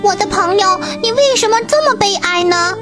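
A woman voicing a small, loyal and fierce sparrow in a bedtime story, chirpy and quick-tongued. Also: animated, over loud music. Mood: kind. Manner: chirpy, rapid and shrill when angry. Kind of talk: storybook character voice.

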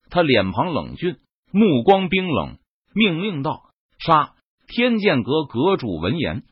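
Male audiobook narrator, dramatic and animated, husky tone, dry muffled recording. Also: on the high side, no echo. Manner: expressive storytelling. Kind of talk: dramatic web novel narration.

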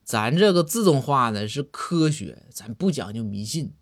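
A man voicing a sly, earnest judge who speaks softly and deliberately in a comic story. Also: medium pitch, sing-song, dry recording, studio quality.

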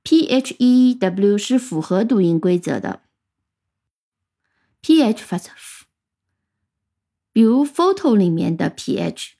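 A woman's voice: medium pitch, creaky, dark tone, breathy edge. A woman teaching English vocabulary, patiently spelling out words letter by letter and explaining how they are pronounced. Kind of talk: vocabulary lesson.

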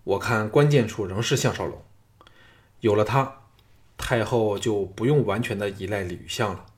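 Cold, jealous schemer in a storybook, measured and low, performed by a male narrator. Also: lightly acted. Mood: plotting. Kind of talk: audiobook character reading.

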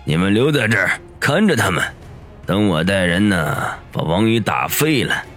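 A man's voice: sits low, very animated, normal speed, fairly bright tone, faint music behind, pitched above the performer's own voice. A man voicing an arrogant, lecherous young gang boss who sneers and gloats with menacing chuckles in an audiobook. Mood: gloating. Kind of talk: audiobook character voice.

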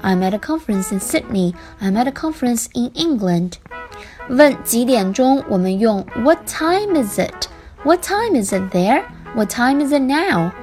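A woman English teacher giving a spoken lesson, explaining phrases and repeating them slowly. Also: fairly high pitch, big pitch swings, darkish tone, soft background music.

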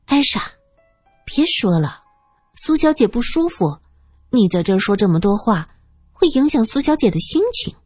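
Timid, tearful young woman, voiced by a woman, high and meek, slightly husky. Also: very animated, rapid-fire, few pauses, soft background music. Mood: pleading, tearful. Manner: pleading and meek.

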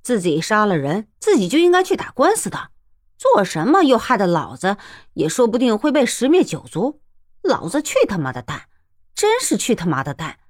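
A woman's voice: mid-range voice, huge pitch swings, normal speed, dry recording, clean studio sound. A woman voicing a coarse, hot-tempered young commoner who swears and rants in a storybook reading. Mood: furious ranting. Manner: swearing, ranting, self-pitying.

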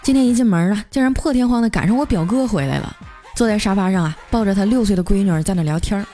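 A woman's voice: mid-range voice, faint music behind. Chatty storytelling woman. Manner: lively, chatty, drawn-out particles. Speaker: radio story host. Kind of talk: comic storytelling.

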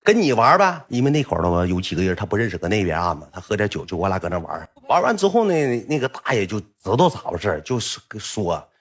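Fast, husky storyteller. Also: male voice, low voice. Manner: animated, colloquial, rambling. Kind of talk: comic personal storytelling.

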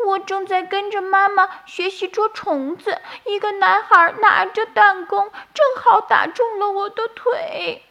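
A woman's voice: very high voice, flat delivery, slow, few pauses, fairly bright tone, highs cut off, voice pushed up, heavily acted. A woman voicing a tiny injured baby bird that whimpers through tears in a bedtime storybook tale. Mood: tearful. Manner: tearful whimpering.

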